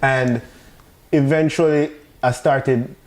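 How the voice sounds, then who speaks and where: A man's voice: mid-range voice, fairly even intonation, takes it slowly. A man from Jamaica with a Jamaican English accent, speaking as a podcast guest and telling personal stories casually, repeating phrases for emphasis.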